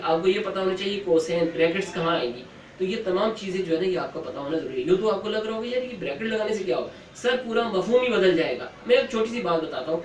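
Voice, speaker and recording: A man's voice: high-pitched, reverberant, far from the mic, a little hiss or hum, low-quality recording. A male teacher giving earnest, fatherly advice to students on how to write exam papers. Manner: earnest, fatherly, ends with blessings.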